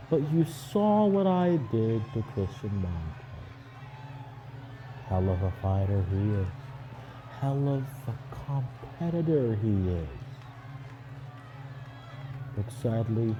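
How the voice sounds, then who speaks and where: Man playing a slow, pompous wrestling king. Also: medium pitch, lo-fi sound, natural voice. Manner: pompous, grandiose, deliberate pauses. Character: pompous self-proclaimed king, arrogant male wrestling villain. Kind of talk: theatrical wrestling promo speech. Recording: distant mic, noisy arena crowd.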